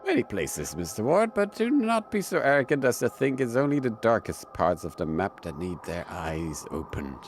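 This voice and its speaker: A man's voice: mid-range voice, big pitch swings, normal speed, hardly any pauses, soft background music. A man voicing a scarred, stern priest who speaks in a solemn, lecturing way. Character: scarred older Irish priest, stern and cryptic.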